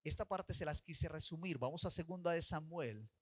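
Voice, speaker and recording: A man pastor preaching a sermon. He tells a story and urges his listeners, with sudden shifts between loud and soft. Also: on the high side, normal speed.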